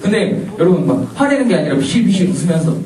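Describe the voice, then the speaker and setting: A young man, a trainee missionary, giving an animated testimony to a church congregation and acting out the lines of the people in his story. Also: on the high side, fast talker, a loud crowd. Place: church sanctuary. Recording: echoey church from far off.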